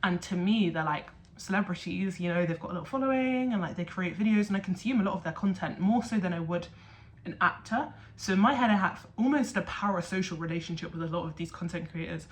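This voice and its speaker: A woman's voice: lowish voice, quick pace. A young woman chatting casually to camera in a vlog, with lots of filler words. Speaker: vlogger.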